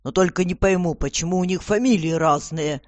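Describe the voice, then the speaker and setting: The narrator voicing a gruff, grumbling commissar. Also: medium pitch, a little fast, a little mellow, no room sound, close to an everyday voice. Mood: irritated. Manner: grumbling, barking orders. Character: gruff stout police commissar, irritable.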